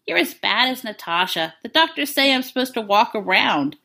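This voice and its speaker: A woman reading the lines of a steady, gentle and stubborn male agent who speaks softly and reassuringly. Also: on the high side, normal speed, vocal fry, voice pushed up, exaggerated voice.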